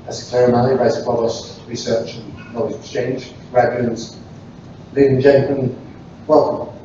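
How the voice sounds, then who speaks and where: A man speaking as a university leader, delivering a formal, deliberate podium speech at a ceremony. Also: medium pitch, fairly even intonation. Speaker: university vice chancellor. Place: large hall over a PA at a graduation ceremony. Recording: very echoey hall, distant, muffled, noisy.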